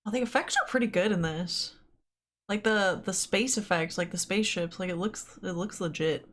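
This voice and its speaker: A young woman hosting a movie reaction, chatting casually with giggles and excited exclamations. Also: mid-range voice, moderate pace. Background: film audio.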